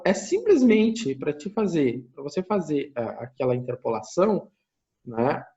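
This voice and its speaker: The lecturer's voice here is a little high and warm, very animated yet a little slow, with dull audio. With his Brazilian Portuguese accent, he teaches an online screen-shared class step by step, reasoning aloud and often checking in with listeners.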